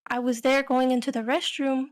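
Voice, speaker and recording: A woman's voice: high-pitched, level tone, moderate pace. A young adult woman co-hosting a podcast, telling a story in a rambling, casual way full of fillers. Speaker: podcast co-host.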